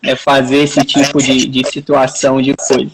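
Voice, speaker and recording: A 40-something man with a Minas Gerais Portuguese accent hosts a casual live chat on video from his home, sitting near the wifi router. His medium-pitched voice is monotone at a moderate pace as he chats, jokes, and restarts often, with background noise present.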